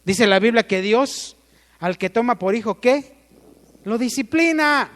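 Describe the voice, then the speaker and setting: A man's voice: very high-pitched, expressive, unhurried, fairly bright tone, in a large hall. A man with a Mexican accent preaching a sermon, asking the congregation questions and calling for amens.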